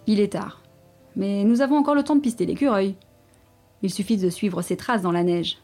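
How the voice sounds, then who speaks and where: Woman as a gruff storybook papa wolf, brisk, bossy, husky tone. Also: mid-range voice, darkish tone, faint music behind, lightly acted. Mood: grumbling. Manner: brisk, commanding. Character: eager hungry father wolf, gruff hunter.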